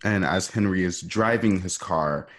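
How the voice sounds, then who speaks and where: Reading scene directions aloud for a radio play, a male narrator keeps a conversational tone. His husky voice is low-pitched and a bit bright, and he speaks a little slowly.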